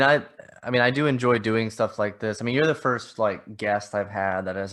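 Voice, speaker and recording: A man's voice: on the low side, a bit bright. A man hosting a podcast, talking modestly and hesitantly with many restarts. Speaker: podcast host. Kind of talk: casual interview chat.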